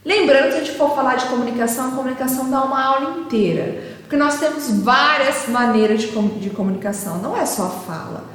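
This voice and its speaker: A woman's voice: high voice, fast talker, few pauses. A woman with a Brazilian Portuguese accent teaching caregivers in a didactic way, often checking in with her listeners through rhetorical questions. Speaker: caregiving educator. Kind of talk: lecture to caregivers. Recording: echoey hall with long reverb.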